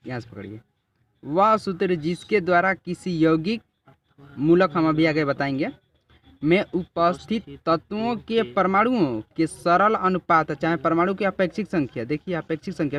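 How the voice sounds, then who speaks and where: Brief teacher with a lilt. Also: male voice, high-pitched, expressive, fairly bright tone. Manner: drawn-out explanatory, repeats and checks "ठीक है". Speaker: chemistry teacher. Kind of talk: classroom lesson with a student. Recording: dull lo-fi recording.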